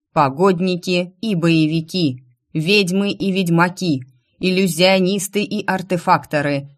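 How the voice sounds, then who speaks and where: Woman voicing a booming male town crier. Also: close to an everyday voice. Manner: booming proclamations. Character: loud male town crier, formal and pompous.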